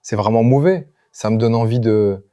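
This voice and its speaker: A man joking around in a casual podcast chat, talking in an animated way. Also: mid-range voice, normal speed. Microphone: studio podcast microphone.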